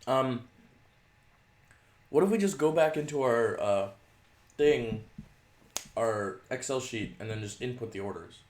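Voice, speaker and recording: A man's voice: mid-range voice, expressive, unhurried, long pauses, a little mellow. A man chatting casually about trades, frustrated and muttering while he eats. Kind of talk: casual chat. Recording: echoey room.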